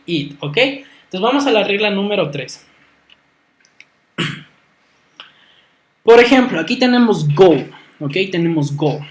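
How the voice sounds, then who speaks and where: A teacher giving a recorded online grammar lesson, a native Spanish speaker who explains each rule patiently and repetitively. Letters get spelled out one at a time, and almost every point ends with a quick "ok?" to check in. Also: medium pitch, a bit bright.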